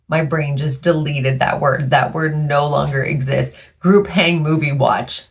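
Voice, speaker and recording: A woman's voice: sits low, steady tone, slow pace, creaky. A woman hosting her own podcast in a casual monologue, chatty and tired, laughing often and losing her voice. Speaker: podcast host.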